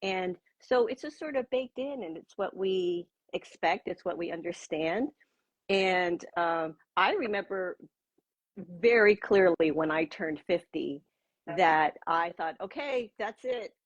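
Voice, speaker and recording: A woman's voice: on the low side, expressive, takes it slowly, no room sound, lo-fi sound. A woman in her sixties talking casually as an interview guest on a video call, chatty and loose with fillers. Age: 60s. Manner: chatty, with frequent fillers and laughs. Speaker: guest, pro-age blogger.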